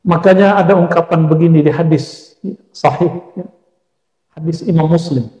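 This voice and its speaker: A man's voice: fairly high pitch, moderate pace, warm tone. A male Islamic preacher giving a sermon, asking his audience questions and answering them himself, sometimes chanting verses. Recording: echoey dull-sounding hall.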